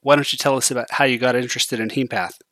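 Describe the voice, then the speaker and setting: A man's voice: mid-range voice, fairly even intonation, fast, fairly bright tone, dry recording. A man co-hosting a podcast interview, asking a guest a question in a friendly way. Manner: friendly, inviting the guest to talk. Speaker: podcast co-host.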